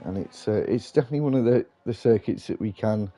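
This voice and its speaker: A man's voice: fairly low pitch, fast, mellow, a little hiss or hum. A man hosting and commentating live on an online racing broadcast. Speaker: host and lead commentator.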